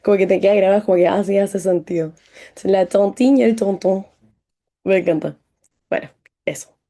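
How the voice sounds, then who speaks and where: A woman's voice: medium pitch, brisk, warm tone. A woman with a Chilean accent teaching a French lesson, encouraging and full of examples. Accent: Chilean Spanish. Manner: encouraging, explains with lots of examples.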